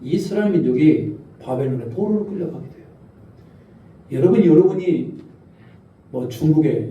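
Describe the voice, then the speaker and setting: A man's voice: on the high side, mellow. A male pastor preaching a sermon, posing questions to the congregation. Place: church sanctuary. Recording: echoey church hall from far off.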